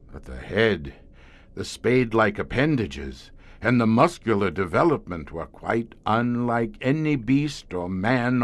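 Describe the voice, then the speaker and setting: This medium-pitched male voice belongs to an actor playing a grim, experienced scientist heading a secret monster-hunting squad in an audio horror drama. He speaks deliberately and eruditely, like a brooding storyteller, with a grave, brooding mood.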